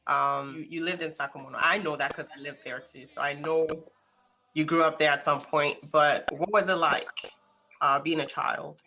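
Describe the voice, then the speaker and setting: A man's voice: fairly high pitch, steady tone, normal speed, creaky, pushed and bright. A man hosting a casual interview, friendly and conversational. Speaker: host.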